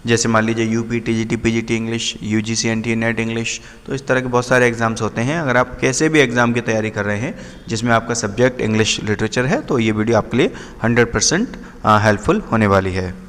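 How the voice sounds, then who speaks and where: A man teaches literary terms in a patient, explanatory way. He reads each English definition out very slowly and checks in often with his students. His mid-range voice carries a long, ringing hall reverb. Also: medium pitch, fairly bright tone. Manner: slows down sharply to read English definitions; repetitive, checks in often with the listener. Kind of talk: explanatory lesson.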